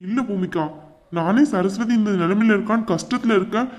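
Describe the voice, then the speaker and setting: A woman's voice: mid-range voice, a little mellow, close to an everyday voice. A woman voicing a concerned adult brother in a cartoon, who gets indignant when his family is insulted. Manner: indignant, rapid. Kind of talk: cartoon voice acting.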